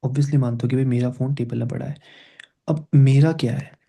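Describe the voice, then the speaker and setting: A man's voice: medium pitch, steady tone, normal speed, vocal fry, mellow, husky. A man teaching a grammar lesson, explaining step by step and constantly checking with his students, switching between Hindi and English phrases.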